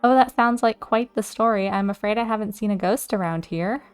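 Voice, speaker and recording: Woman reading a motherly old witch, soft and sweet, mid pitch, game dialogue. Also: brisk, smooth, faint music behind, close to an everyday voice. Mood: gentle. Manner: soft and motherly, says dearie.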